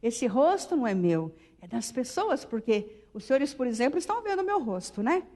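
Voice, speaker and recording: A woman's voice: on the high side, sing-song, brisk, darkish tone. A woman with a Brazilian Portuguese accent giving a spiritual lecture to an audience, teaching and checking in with tag questions. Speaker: religious lecturer.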